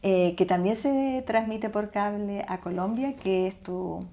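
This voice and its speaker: Mellow-voiced woman host. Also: medium pitch, a little slow, a little hiss or hum. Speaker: host and novelist. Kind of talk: interview hosting.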